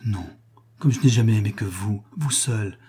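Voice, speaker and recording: An ardent young man, as a male reader plays him, pleads in an earnest, slightly lifted voice. The tone is mellow and a little husky, like a storybook reading. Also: fairly low pitch, normal speed. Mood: pleading.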